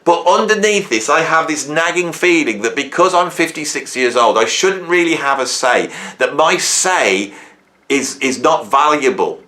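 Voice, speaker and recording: A man in his fifties who hosts a YouTube music channel talks alone to the camera in a reflective, rambling way, questioning himself and often ending points with "right?". His voice sits on the high side and sounds animated, bright, and forceful, with a slightly slow pace.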